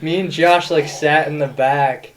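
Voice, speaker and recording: A man's voice: fairly high pitch, fairly even intonation, a little slow, a crowd in the background, low-quality recording. A young man hosting a podcast, telling a rambling story in casual chat with many fillers. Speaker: podcast host.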